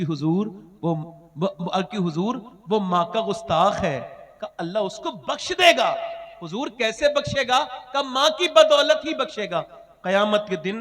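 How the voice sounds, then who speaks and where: A man preaching an emotional storytelling sermon, swinging between loud cries and hushed, half-sung lines. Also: high voice, moderate pace, long reverb tail.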